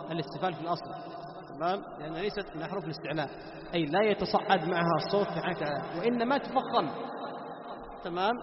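A man teaching a Quran recitation class, questioning his students and answering himself. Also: sits high. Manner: chants Quran verses slowly as examples. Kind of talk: classroom lesson on tajweed. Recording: echoey hall, dull lo-fi, background noise.

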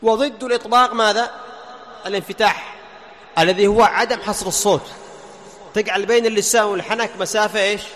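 A man with a high voice teaches the rules of Quran recitation, posing questions and answering them himself. He chants short verses slowly to show each sound. His voice carries a long reverb, with faint noise behind it. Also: fairly even intonation, fairly bright tone. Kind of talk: tajweed lesson explaining letter articulation.

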